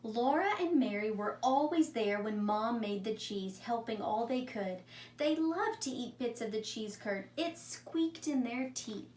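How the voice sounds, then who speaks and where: A woman teacher with a fairly high, animated but darkish voice reads a story to young children a little slowly. She uses simple wording and asks her listeners questions, recorded in an echoey room with a distant mic and faint noise.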